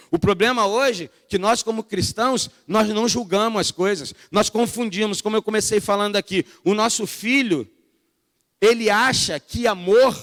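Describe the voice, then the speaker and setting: Pastor preaching in an echoey church. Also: male voice, high-pitched, a bit bright. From Brazil. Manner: conversational, storytelling, addresses the congregation as brothers. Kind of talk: sermon. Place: church hall.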